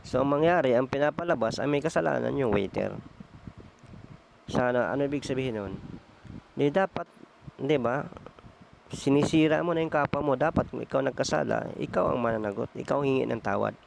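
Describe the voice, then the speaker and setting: Gravelly-voiced male preacher. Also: medium pitch, fairly quick, long pauses, slight background noise. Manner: addresses listeners as brethren, asks frequent tag questions; mixes in English phrases, many hesitations. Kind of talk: conversational Bible sermon.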